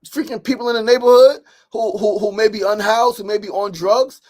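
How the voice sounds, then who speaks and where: A man hosts a motivational livestream. His voice sits high for a man. He preaches emphatically and circles back to the same rhetorical questions. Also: steady tone, a little fast, darkish tone. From South Jamaica, Queens, New York. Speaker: show host. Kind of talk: motivational livestream talk, reading viewer comments.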